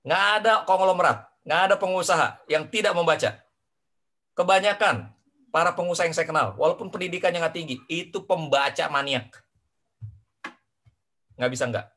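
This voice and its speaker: Emphatic man coaching parents, wide-ranging pitch. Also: expressive, normal speed, pauses often, pushed and bright. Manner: emphatic, repeats key phrases, mixes in English. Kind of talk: lively Q&A talk to parents. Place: online parents group session.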